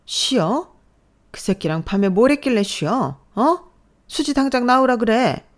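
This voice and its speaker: A woman voicing a furious, domineering middle-aged mother who scolds loudly in a dramatized story. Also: mid-range voice, sing-song, normal speed, pitched above the performer's own voice, close to an everyday voice. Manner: shouting, scolding.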